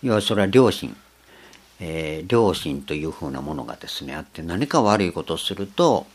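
An older man giving a slow, reflective sermon, pausing often with fillers. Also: deep voice, sing-song, slightly rough. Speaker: preacher.

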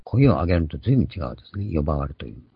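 Older male pastor, deep raspy voice with lively inflection, earnest teaching sermon. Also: rapid-fire, dry recording. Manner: earnest, explanatory, stresses key words. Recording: dull lo-fi recording.

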